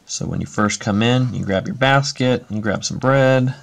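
A man's voice: mid-range voice, normal speed, vocal fry. A man, a parent, casually showing his toy-brick model off camera, listing items with many fillers. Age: adult parent. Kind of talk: casual show-and-tell. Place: indoors at a table.

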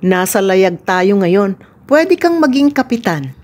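A woman's voice: mid-range voice, sing-song, slow pace. A woman voicing a playful, imaginative little girl inviting her brother into make-believe games. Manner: bright, coaxing make-believe play.

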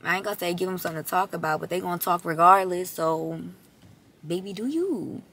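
Raspy, hoarse young woman vlogging. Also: fairly low pitch, little pitch movement, fast, sharp tone, a little hiss or hum. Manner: sassy, playful, slangy. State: hoarse, clearing her throat. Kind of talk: casual vlog chat to camera.

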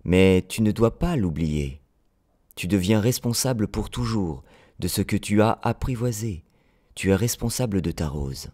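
A man voicing a wise, calm male fox in an audiobook, speaking in a measured way. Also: lowish voice.

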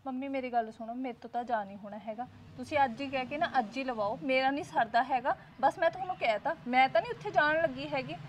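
ਇੱਕ ਔਰਤ ਪੰਜਾਬੀ ਲਘੂ ਫ਼ਿਲਮ ਵਿੱਚ ਜ਼ਿੱਦੀ, ਸ਼ਹਿਰੀ ਨੂੰਹ ਦਾ ਕਿਰਦਾਰ ਨਿਭਾ ਰਹੀ ਹੈ, ਜੋ ਜ਼ੋਰ ਦੇ ਕੇ ਸ਼ਿਕਾਇਤਾਂ ਕਰਦੀ ਹੈ।. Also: female voice, high-pitched, quick pace, hardly any pauses, a little hiss or hum, lightly acted. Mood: complaining. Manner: insistent, complaining, argumentative. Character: young city-bred woman, stubborn and demanding. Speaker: new daughter-in-law. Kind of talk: Punjabi short film acting.

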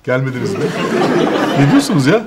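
An actor playing an excitable husband in a comedy sketch, giggling and shouting frantically. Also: male voice, medium pitch, fast talker, over a noisy crowd, very noisy, close to an everyday voice. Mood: gleeful. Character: excitable husband, fooled by a staged robbery. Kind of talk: sitcom sketch acting.

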